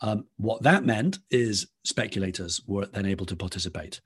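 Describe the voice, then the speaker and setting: A man from Liverpool, England, with a Liverpool accent and a fairly low, slightly rough voice at normal speed, appears as a podcast guest. He explains things at length in conversation, often restarting his phrases.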